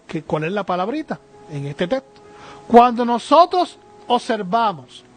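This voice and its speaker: A man teaching the Bible on a program, earnest and hesitant, with frequent fillers and tag questions. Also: very high-pitched.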